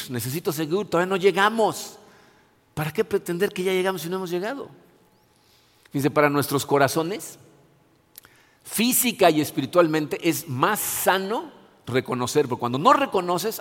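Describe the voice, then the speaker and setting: Earnest preaching man in a reverberant church. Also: high-pitched. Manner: earnest, conversational preaching with repeated restarts. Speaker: pastor. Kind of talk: sermon. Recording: long hall reverb.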